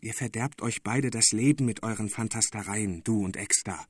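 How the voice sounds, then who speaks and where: A man's voice: on the low side, moderate pace, breathy edge, dry recording, clean studio sound. A man voicing a skeptical, impatient friend who talks bluntly in an audiobook.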